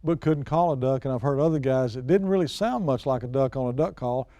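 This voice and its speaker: Here a fairly quick, mellow mid-range voice belongs to a middle-aged or older man swapping hunting tales in a plain, folksy manner. He's a guest expert and personality from an outdoors show, chatting casually. There's no room sound on the track.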